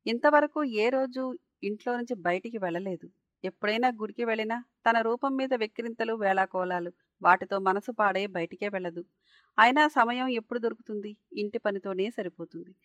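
A woman's voice: mid-range voice, a little fast, fairly bright tone, no room sound. A woman narrating a story aloud in an earnest, emotive reading.

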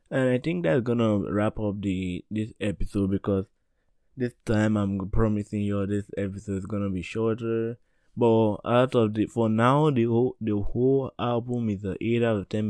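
A man's voice: fairly low pitch, dark tone, smooth, dry recording. A man hosting a casual music review podcast, rambling and often restarting his sentences in loose slang. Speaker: podcast host.

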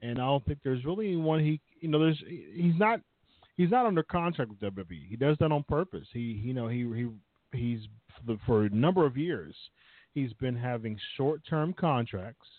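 An animated man with a medium-pitched voice phones in for some casual wrestling talk, rambling at a moderate pace. He fills his speech with "uh" and "you know." The sound is dry with no echo, coming through a thin line that breaks up.

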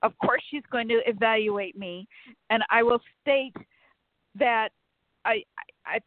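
Lady calling in over the phone, thin tinny line, no room sound, spells things out slow and careful. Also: a little high, no room sound. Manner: measured, spells out names letter by letter. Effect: heard over a phone line. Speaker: caller. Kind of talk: call-in chat with a psychic show.

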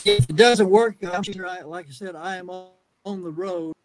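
A man joining by call from on the road, his audio cutting in and out, speaking in short halting phrases. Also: sits high, faint music behind. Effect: call audio breaking up and cutting out. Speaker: guest. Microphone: video call, then phone.

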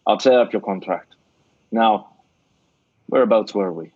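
An actor playing a shrewd, blunt middle-aged Scottish theatre owner, with a Scottish accent, in an old-time radio drama. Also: male voice, on the low side, measured pace, no room sound. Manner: blunt, scolding, sly. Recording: dull dry lo-fi radio recording.

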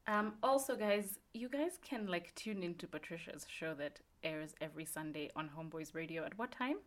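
A woman's voice: on the low side, animated, normal speed. A woman hosting a podcast, chatting casually and laughing often, with plenty of fillers. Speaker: podcast host. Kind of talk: casual chat.

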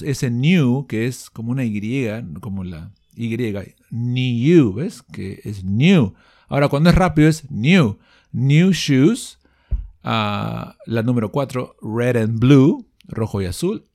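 A man teaching English pronunciation to Spanish speakers, stretching out the example words slowly. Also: mid-range voice, a little mellow. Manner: slow, drawn-out demonstrations. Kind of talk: pronunciation lesson.

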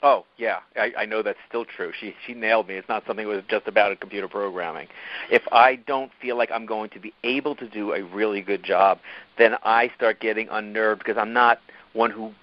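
A man, a team-building coach, telling stories animatedly as an interview guest, often jumping up in pitch for emphasis. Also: fairly even intonation, a little fast, highs cut off. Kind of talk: interview storytelling.

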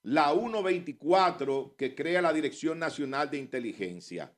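A man's voice: on the high side, expressive, moderate pace. A Dominican man giving impassioned radio commentary in an emphatic, oratorical manner. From Dominican Republic.

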